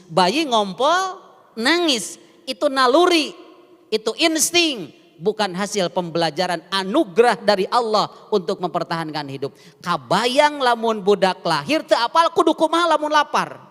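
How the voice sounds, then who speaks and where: A man with a Sundanese accent delivers a mosque sermon, his delivery swinging widely in pitch. He keeps turning to the congregation with questions. The sound carries the long echo of a large mosque hall. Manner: lively, asks the congregation questions and mixes languages. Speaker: preacher.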